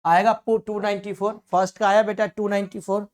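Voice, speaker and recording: A man's voice: sits high, flat delivery, brisk, smooth. A male coaching teacher gives a math lecture in a classroom. He talks in a repetitive, coaxing way. He keeps asking the class questions and then answers them himself.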